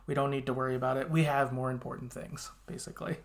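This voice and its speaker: Quick-paced and gravelly, this man's mid-range voice barely moves in pitch. As a podcast host, he casually runs through a game's plot with slangy, now-and-then sweary asides.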